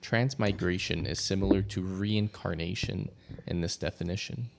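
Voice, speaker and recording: A man playing in a tabletop role-playing game, speaking and reading aloud in a measured, grave way. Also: low voice, gravelly, slight background noise. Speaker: player.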